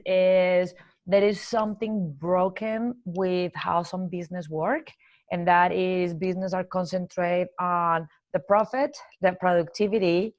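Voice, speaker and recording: A woman from Colombia speaks English with a Colombian accent and a low, gravelly voice. She answers interview questions earnestly, laying out her ideas step by step. The audio is dry and somewhat dull and lo-fi. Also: dry recording. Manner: earnest, listing ideas in measured steps. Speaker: guest, corporate trainer and coach.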